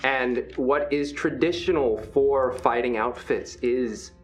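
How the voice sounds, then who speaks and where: A game master narrates a tabletop role-playing game, setting scenes dramatically and with suspense. The voice is medium-pitched and slow, with music behind it.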